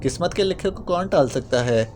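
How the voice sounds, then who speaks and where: A man's voice: a little high, animated, a little mellow, slight background noise, pitched above the performer's own voice, close to an everyday voice. A man voicing a playful young male spy who talks in a mock-pitiful, whining way. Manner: whiny, mock-pitiful clowning.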